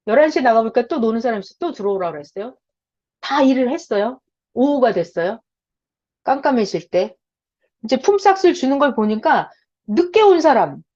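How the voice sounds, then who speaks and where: Animated woman preaching over a video call. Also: high voice, muffled recording. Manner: animated, asks the audience questions. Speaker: Bible teacher. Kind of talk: online Bible study sermon.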